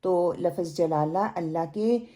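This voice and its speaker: A woman's voice: fairly low pitch, mellow. A woman teaching Quran pronunciation in a recorded lesson, explaining patiently and drawing out words to demonstrate them. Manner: slow, patient explanation with drawn-out demonstrated recitation.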